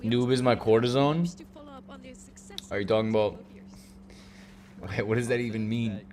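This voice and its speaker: A man hosting a live-stream watch party, chatting casually and teasing with loud bursts of mock outrage. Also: fairly low pitch, moderate pace.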